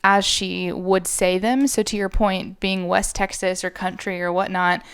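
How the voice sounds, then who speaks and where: American lady cohosting, really clean smooth voice, medium pitch, just chatting. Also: steady tone, unhurried. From US, Georgia and Michigan. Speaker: podcast co-host. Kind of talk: casual chat.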